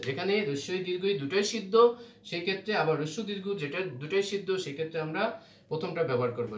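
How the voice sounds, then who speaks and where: A man's voice: fairly high pitch, distant mic. A man teaching Bengali spelling rules for exams, explaining patiently and often checking that students follow. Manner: explains patiently, often asks "ঠিক আছে?". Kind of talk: exam-prep spelling lesson. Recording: roomy echo, from away from the mic, faint hum.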